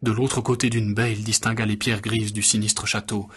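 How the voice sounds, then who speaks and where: A man reading a story aloud in an even, measured way. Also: fairly low pitch, slightly rough. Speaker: narrator. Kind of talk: scripted story narration.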